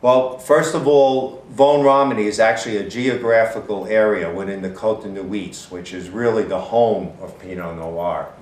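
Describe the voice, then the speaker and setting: A man's voice: sits low, moderate pace, hardly any pauses. A man co-hosting a wine tasting show, talking in an earnest, descriptive connoisseur's manner. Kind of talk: wine review, conversational presenting. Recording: roomy echo, distant mic, faint noise.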